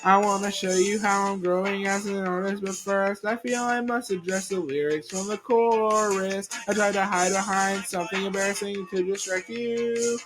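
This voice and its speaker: A man's voice: high-pitched, fairly even intonation, moderate pace, hardly any pauses, low-quality recording. A young man of about eighteen sings comedic, self-mocking confessional songs. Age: late teens. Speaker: singer-songwriter. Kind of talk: comedic song performance. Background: faint music.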